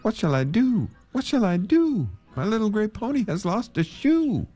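A man's voice: high voice, huge pitch swings, moderate pace, warm tone, faint music behind, pitched above the performer's own voice, heavily acted. A man voicing a worried, pleading pony owner from a children's storybook, in sing-song rhyme. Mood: fretful. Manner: sing-song rhyming pleas.

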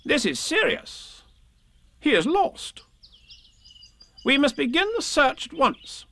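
A man voicing a bossy, self-important rabbit from a storybook, with brisk, pompous emphasis. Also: high voice, big pitch swings, sharp tone, voice pushed up, exaggerated voice. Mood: grave, important.

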